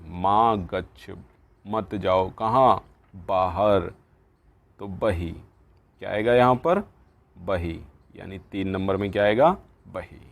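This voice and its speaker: A man's voice: sits low, gravelly. A man teaching a textbook lesson, reading lines aloud and explaining each word. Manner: slow, reads Sanskrit lines then explains in Hindi. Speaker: Sanskrit teacher.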